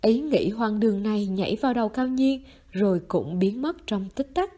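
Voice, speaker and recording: A woman narrating a novel in a steady storytelling manner, as an audiobook reading. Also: mid-range voice, moderate pace.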